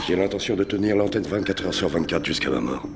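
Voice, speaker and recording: An actor playing an obsessive radio host in a film clip, speaking in a deep voice over loud electronic music. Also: male voice, fast talker, natural voice. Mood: defiant. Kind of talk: film dialogue clip used as a radio jingle.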